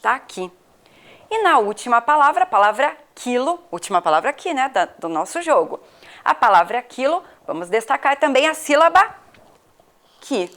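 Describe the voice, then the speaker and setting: A woman's voice: high-pitched, big pitch swings, normal speed, fairly bright tone. A woman from Brazil, a primary school teacher, giving a patient video lesson to children and asking them questions. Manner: patient, questioning the pupils, spells out letters.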